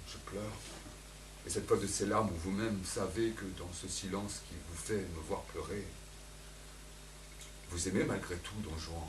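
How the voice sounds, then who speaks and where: A man's voice: mid-range voice, slight background noise, close to an everyday voice. A man playing Elvire, a scorned and desperate woman in love, declaiming in impassioned outbursts on a theatre stage. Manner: impassioned, cries out in long outbursts. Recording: echoey theatre, voice from far off.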